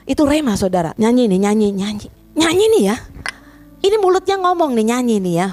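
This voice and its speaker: A woman pastor preaching an animated sermon, often turning to the congregation as she speaks. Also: fairly high pitch, brisk. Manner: animated, addresses congregation as "saudara", emotional retelling of prayer. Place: church.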